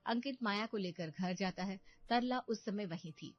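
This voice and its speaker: A woman storyteller giving scripted narration of a family story in an even, matter-of-fact way. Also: medium pitch, normal speed, no echo, muffled recording.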